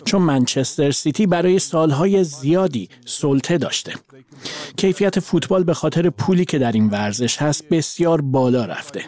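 Male voice-over interpreter, measured. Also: fairly high pitch, lively intonation, a little mellow. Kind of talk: voice-over translation.

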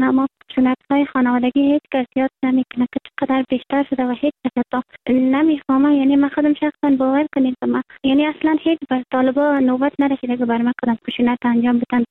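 High-voiced young Afghan woman on phone line. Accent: Afghan Dari. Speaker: listener leaving a message. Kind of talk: unscripted personal appeal. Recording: narrow, tinny phone line.

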